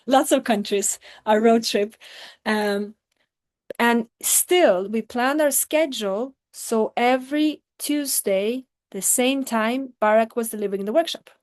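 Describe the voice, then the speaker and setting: Energetic woman coaching a live workshop. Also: fairly high pitch. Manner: energetic, enthusiastic, talks straight to participants. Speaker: business coach hosting a workshop. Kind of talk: live online workshop, answering chat questions.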